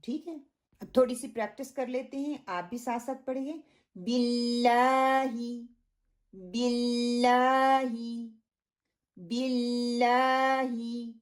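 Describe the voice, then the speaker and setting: A woman teaching a recitation lesson, stretching out each sound in slow demonstrations and then correcting common mistakes. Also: medium pitch, mellow. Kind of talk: online tajweed lesson.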